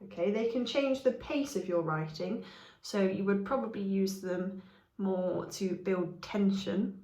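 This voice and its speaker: Woman teacher for a grammar lesson, patient, checks in with "okay?", mid-pitched, echoey room. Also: unhurried, dark tone.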